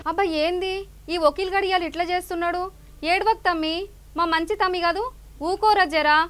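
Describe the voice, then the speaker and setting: A woman's voice: extremely high pitch, steady tone, brisk. A woman with a Telangana accent anchoring a comic news sketch, coaxing and consoling in a fussing way. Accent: Telangana Telugu. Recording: loud music playing behind.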